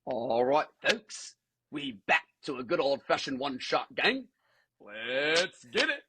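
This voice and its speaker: A man's voice: slow pace, background noise. A man doing a hyped nature-show announcer voice. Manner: excited, booming play-by-play delivery.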